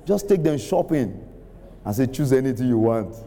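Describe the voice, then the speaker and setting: A middle-aged man preaching a sermon, using call-and-response, laughing often and rising to shouts. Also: medium pitch, expressive, normal speed, slight background noise. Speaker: pastor. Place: large church hall with congregation. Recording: reverberant hall, faint room ambience.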